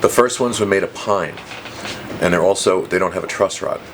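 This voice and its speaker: This low-pitched man in his fifties speaks at a moderate pace, chatting casually and spinning stories the way a shop dealer might with a customer. He's indoors in a cramped, cluttered guitar shop. A camera mic a little way off captures it in a noisy handheld recording.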